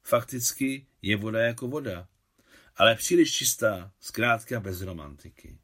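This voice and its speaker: A man narrating a short story in a measured, even reading voice. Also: mid-range voice. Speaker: audiobook narrator.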